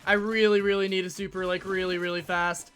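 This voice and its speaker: Young man, very high voice, bright tone, frustrated gameplay commentary, yelling at teammates, hoarse from getting sick. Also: little pitch movement, fairly quick, faint music behind. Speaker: gaming YouTuber.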